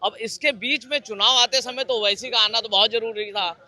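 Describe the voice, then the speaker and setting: Steady, explaining man, bright tone. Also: sits high. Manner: explanatory, steady, with hesitant "uh" pauses. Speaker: member of the public giving his view. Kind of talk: street interview.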